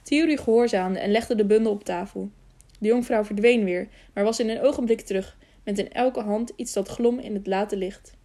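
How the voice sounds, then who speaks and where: Mellow-voiced woman reading a novel aloud. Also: medium pitch, normal speed. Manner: steady reading with small slips and self-corrections. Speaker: audiobook narrator.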